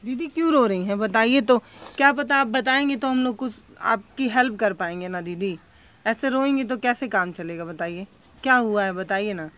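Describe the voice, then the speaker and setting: Coaxing woman field reporter, high voice. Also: normal speed, fairly bright tone. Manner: coaxing, repeatedly pleading questions; impassioned to camera.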